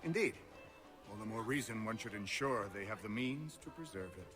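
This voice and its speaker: An actor playing a mercenary male physician who talks calmly and reasons coolly in a game scene. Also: fairly low pitch, lightly acted. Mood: firm. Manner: calm, measured, coolly reasoned. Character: cold, mercenary male doctor who loves money. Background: game music.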